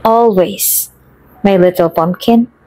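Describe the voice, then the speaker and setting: A woman voicing a tender, dying mother speaking softly to her daughter. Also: mid-range voice, takes it slowly, no echo, lightly acted. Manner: soft, gentle, loving.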